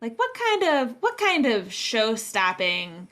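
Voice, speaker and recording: Slow, animated woman playing tabletop games. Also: fairly high pitch. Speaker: tabletop game player. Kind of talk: casual game table chat with in-character speech.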